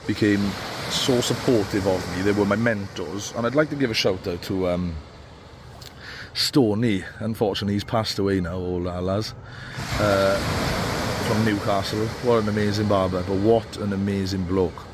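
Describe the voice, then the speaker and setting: Stuffy with a cold, a barber coach gives casual, rambling advice to barbers from outdoors on a beach, full of fillers and restarts. His lowish voice keeps a steady tone at a moderate pace, with faint outdoor noise behind him.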